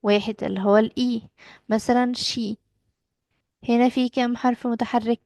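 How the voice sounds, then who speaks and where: A woman's voice: on the high side, flat delivery, normal speed, darkish tone, no echo. A young woman with an Egyptian Arabic accent, teaching English to a child, patiently asking questions and repeating the answers. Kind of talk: children's language lesson.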